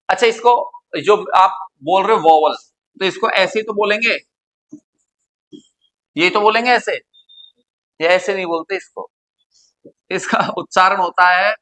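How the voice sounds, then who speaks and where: Bright-voiced man quizzing an English class. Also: high-pitched, measured pace, long pauses, rough recording. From India. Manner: quizzing students with repeated questions. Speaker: English grammar teacher. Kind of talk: classroom lecture.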